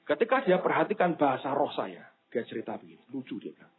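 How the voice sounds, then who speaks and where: A man's voice: medium pitch, big pitch swings, fast talker. A man preaching a sermon in with a touch, telling a story and acting out the people he quotes. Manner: storytelling, acts out the people he quotes, addresses the congregation as "saudara". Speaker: pastor. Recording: tinny phone-like sound.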